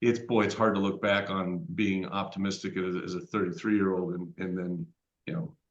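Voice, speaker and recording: Co-host, man in his fifties, lowish voice, musing and rambling, roomy dull recording. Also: flat delivery, normal speed. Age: 50s. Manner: reflective, rambling with fillers. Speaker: podcast co-host. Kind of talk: casual chat. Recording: echoey room, dull lo-fi sound.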